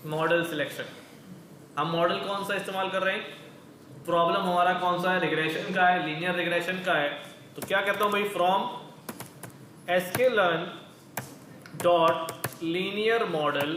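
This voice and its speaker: A man's voice: high voice, fairly bright tone, roomy sound, a little hiss or hum, low-quality recording. A male teacher leading a coding lecture in a casual, conversational way, asking questions and then answering them himself. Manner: conversational, calls listeners brother.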